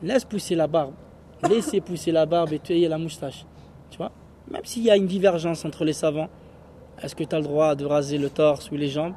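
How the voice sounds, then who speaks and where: A man teaching an Arabic class in a rather high, mellow voice. He explains in French, slips in Arabic phrases and keeps checking whether his students follow. A faint hiss of noise sits under the recording. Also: normal speed. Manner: explains in French mixed with Arabic phrases, asks "tu vois?" often.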